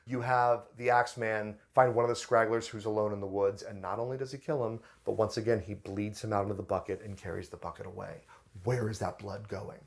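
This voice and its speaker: A man's voice: lowish voice, fairly even intonation, a little fast, creaky, slight background noise. A man hosting a review channel, talking through a TV episode in a chatty, enthusiastic way with fillers and restarts. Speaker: host of a book and film review channel. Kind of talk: casual review commentary.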